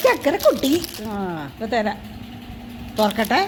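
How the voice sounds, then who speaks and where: A woman coaxing and gently scolding her pet in an affectionate, sing-song voice. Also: fairly high pitch, very animated, a little slow, very noisy. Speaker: pet owner filming her pet. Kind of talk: cooing talk to a pet.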